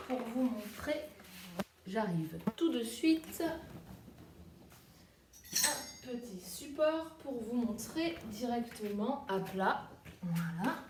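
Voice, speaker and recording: Slow gentle woman teacher, roomy sound. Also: mid-range voice, far from the mic, a little hiss or hum. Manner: slow, gentle, syllable-by-syllable demonstrating. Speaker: preschool teacher. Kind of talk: home video lesson for young children. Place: countryside home, flies around. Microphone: tablet camera. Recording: roomy tablet recording with faint ambience.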